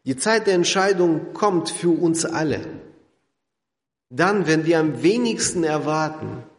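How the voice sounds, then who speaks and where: A man's voice: on the high side, expressive, unhurried. Dramatic male preacher in echoing hall. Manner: dramatic, drops to quiet intense tones; addresses listeners directly. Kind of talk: sermon. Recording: echoey hall with long reverb.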